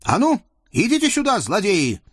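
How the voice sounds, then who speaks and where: A man's voice: a little high, very animated, moderate pace, no room sound, studio quality, pitched above the performer's own voice. A man doing a fierce young Cossack girl. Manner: stern, furious, threatening.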